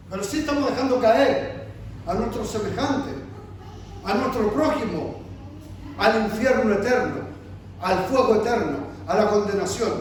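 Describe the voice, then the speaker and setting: High-pitched preacher guy, slow and pleading, big echo, mic far off. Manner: emphatic, pleading, acts out God calling softly. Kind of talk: sermon. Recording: echoey church room from far off, faint noise.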